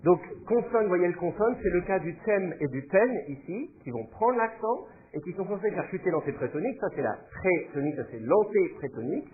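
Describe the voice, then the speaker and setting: A man's voice: high-pitched, big pitch swings, fairly quick, few pauses, a crowd in the background. Guy teaching a class, patient, lots of euh, tinny lo-fi recording. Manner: patient, explanatory, thinks aloud with fillers. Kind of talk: classroom lecture.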